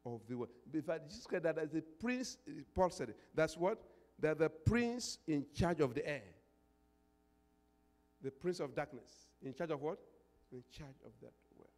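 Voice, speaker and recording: The pastor, an older man, has a fairly high, darkish voice and preaches with great animation at a normal speed. Microphone in hand on an indoor church stage, he hammers home repeated phrases and call-and-response questions until it rises into declarations of prayer, all captured in a reverberant church hall.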